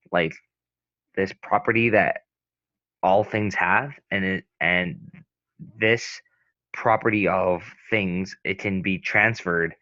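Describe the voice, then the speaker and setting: A man's voice: sits low, a bit bright, dry recording. Hesitant young man tutoring, lo-fi. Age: young adult. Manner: hesitant, rambling, many restarts and fillers. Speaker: student tutor. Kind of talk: casual lesson. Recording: dull, lo-fi sound.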